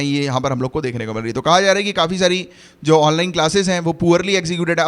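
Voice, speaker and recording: A man's voice: a little high, a bit bright. A young man teaching an online exam-prep lecture in a chatty way, with fillers and frequent check-ins with his students. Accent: Hindi.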